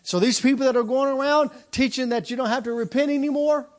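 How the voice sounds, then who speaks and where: A man in his fifties preaching a sermon, driving points home with repeated lines and quick restarts. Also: extremely high pitch, fairly even intonation. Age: 50s. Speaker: pastor.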